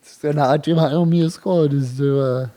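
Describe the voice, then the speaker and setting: A man co-hosting a comedy podcast in casual chat. He rambles excitedly and often restarts his sentences. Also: on the high side, brisk.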